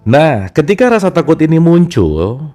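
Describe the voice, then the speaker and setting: A man's voice: fairly high pitch, sing-song, moderate pace, mellow, faint music behind. A man giving a casual, chatty talk about a self-help book and speaking straight to his listeners as friends. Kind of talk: casual spoken book discussion.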